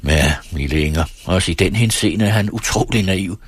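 A man voicing a brooding, earnest thirty-one-year-old man in a read-aloud story, speaking in a measured, hushed way. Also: low voice, breathy edge, dry recording. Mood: wry.

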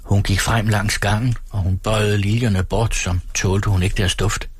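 Low, husky male narrator. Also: little pitch movement, no echo. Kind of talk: audiobook reading.

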